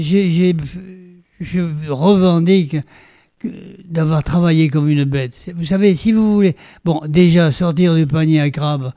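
An older man from France, a veteran stage performer telling his life story in an interview, theatrical and animated with frequent restarts. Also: fairly high pitch, no echo.

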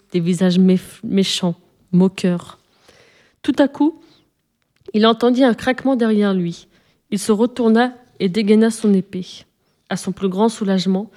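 A woman narrating a children's storybook with an expressive, dramatic reading. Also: mid-range voice.

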